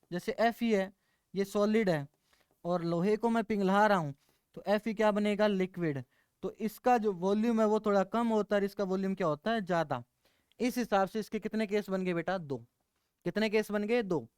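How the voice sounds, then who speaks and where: A male chemistry teacher gives a classroom lecture. He mixes terms into his talk, keeps asking the students questions and answers them himself. His voice is smooth and resonant, recorded close and dry. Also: high-pitched, dry recording.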